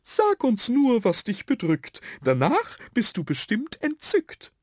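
A man voicing a kind little yellow dot spirit that talks in high, gentle, singsong rhymes in a radio story for children. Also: huge pitch swings, slow, no echo, clean studio sound, heavily acted. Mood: comforting.

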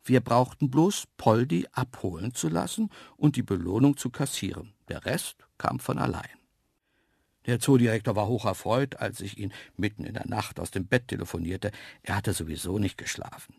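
A man narrating a children's story in the first person, lively and playful, with hushed asides. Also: fairly low pitch, normal speed, gravelly, breathy edge, no echo, studio quality. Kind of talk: storybook reading.

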